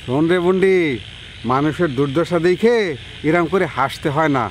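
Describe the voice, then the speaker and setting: A man's voice: on the high side, moderate pace, a little hiss or hum, lightly acted. An actor playing a man scolding his wife for laughing. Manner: scolding, reproachful.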